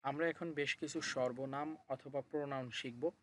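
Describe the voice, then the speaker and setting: A man teaching a language lesson, slowly spelling out each syllable and repeating every word. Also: medium pitch, steady tone. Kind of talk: explaining Korean pronouns in a lesson.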